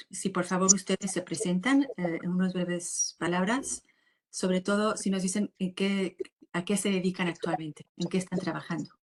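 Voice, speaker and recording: A woman with a somewhat low voice hosts a relaxed panel talk. She introduces the guests in a measured, formal way, with the odd filler. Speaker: host.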